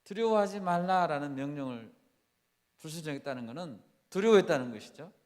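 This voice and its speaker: A man's voice: on the high side, animated, a little fast, a little mellow. A man preaching a sermon as a pastor, often asking his congregation questions and acting out quoted lines with rising intensity. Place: church sanctuary. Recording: long reverb of a church hall.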